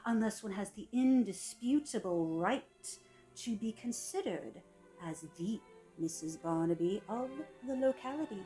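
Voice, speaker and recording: Female narrator, sultry and mellow, scripted book reading, soft phrase endings. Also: a little high, poor audio. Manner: sultry, slow-savoring delivery with soft trailing phrase ends. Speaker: reader of a public-domain etiquette book.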